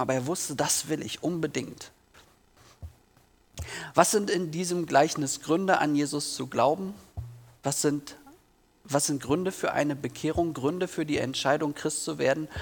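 A male preacher with a slightly raised pitch delivers an earnest sermon. He speaks directly to the congregation, asks them questions and reads scripture aloud. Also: husky. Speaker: pastor.

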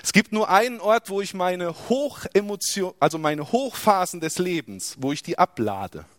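A man's voice: sits high, animated, moderate pace, dry recording, studio quality. A man preaching a sermon, asking rhetorical questions and dropping his voice for emphasis.

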